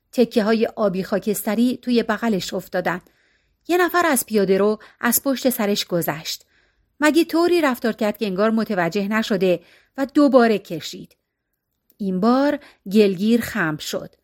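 A woman narrating a story in a steady storytelling voice, shifting expressively from line to line. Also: a little high. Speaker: audiobook narrator.

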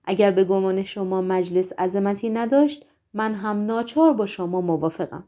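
A woman's voice: medium pitch, warm tone, lightly acted. Woman doing a sly boastful talking tomcat. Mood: playful. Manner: playful, mock-humble.

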